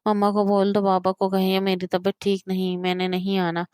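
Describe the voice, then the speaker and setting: A woman's voice: medium pitch, monotone, normal speed, a little mellow, clear, resonant tone, no echo, studio quality, close to an everyday voice. A woman reading the part of a caring young man coaxing his feverish younger brother, in an affectionate tone.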